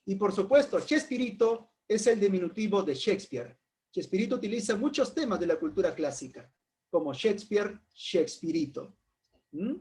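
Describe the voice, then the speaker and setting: A man's voice: high-pitched, lively intonation, moderate pace, darkish tone. A man teaching a philosophy class in an informal way, calling on students by name, asking rhetorical questions and making jokes.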